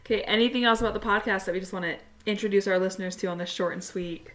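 A woman's voice: medium pitch, fairly even intonation, rapid-fire, a bit bright. A woman co-hosting a podcast, talking in a casual, conversational way. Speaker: podcast co-host.

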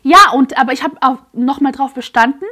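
A woman guest on a podcast telling a personal story in an earnest, emotionally charged way, halting with fillers and restarts. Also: high-pitched, bright, forceful tone.

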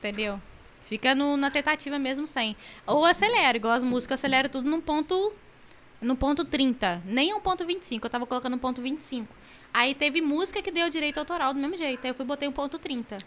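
A woman streamer in casual podcast chat, talking very fast with hyper, excitable energy. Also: high voice, a little hiss or hum.

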